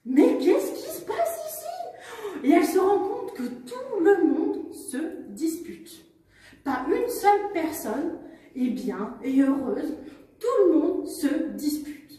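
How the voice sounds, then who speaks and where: A woman storyteller telling a children's story with animated exclamations. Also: high-pitched, slow. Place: museum. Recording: echoey room from far off.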